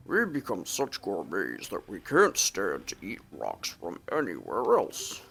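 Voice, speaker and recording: A man's voice: sits low, huge pitch swings, unhurried, vocal fry, pushed and bright, breathy edge, voice pushed down, exaggerated voice. A man voicing a grumbling male Goron villager who is fussy about food, reading game dialogue aloud with mock snobbery. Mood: snobbish.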